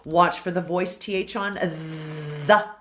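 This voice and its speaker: Low-voiced woman coaching singing pronunciation. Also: fairly even intonation, takes it slowly. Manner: over-enunciates model words, loud and drawn out. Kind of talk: pronunciation lesson.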